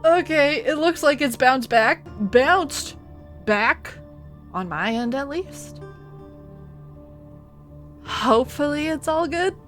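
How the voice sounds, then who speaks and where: A woman streaming a video game, reading out story text and commenting on it in an expressive, theatrical way. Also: sits high, slow pace, long pauses. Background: music.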